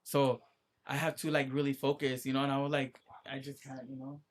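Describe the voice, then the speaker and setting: A woman's voice: extremely low pitch, little pitch movement, a little fast. A young woman podcast host in slangy, sweary casual chat, giggly, rambling and repeating herself. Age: young adult.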